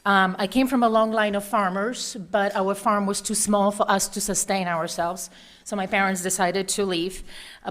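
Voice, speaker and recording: Woman, Polish accent, candidate, earnest, prepared statement, some fillers. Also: medium pitch. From Poland. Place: meeting hall.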